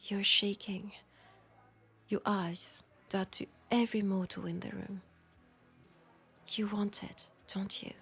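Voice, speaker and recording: Heavily acted and husky, this French-accented woman's mid-range voice barely moves in pitch as she plays a seductive, world-weary vampire in an intimate audio roleplay. Seductive and eager, she speaks softly and deliberately, often nearly whispering.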